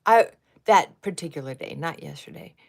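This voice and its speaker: Here the livestream host, a woman in her sixties, speaks in a low-pitched voice at normal speed while putting on makeup. She's very animated, skipping from one tangent to another and sometimes falling into a soft murmur.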